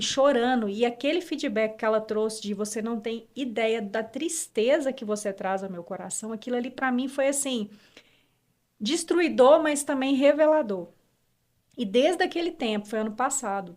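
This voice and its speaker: Heartfelt woman with a high voice. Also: darkish tone. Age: adult mother. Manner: heartfelt, with frequent fillers and restarts. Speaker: guest. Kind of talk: emotional personal storytelling.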